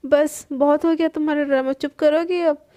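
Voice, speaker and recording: A woman's voice: high voice, flat delivery, normal speed, warm tone. A woman voicing an annoyed young woman who scolds curtly. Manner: curt and scolding. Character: irritated young woman, stern and flustered.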